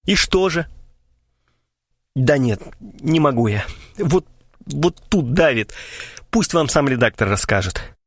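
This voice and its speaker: A theatrical writer moans in quavering mock tragedy, voiced by a man. The pitch swoops widely. The recording is close and dry. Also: animated, slow, long pauses, breathy edge, dry recording. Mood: mournful. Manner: pathetic, quavering declamation.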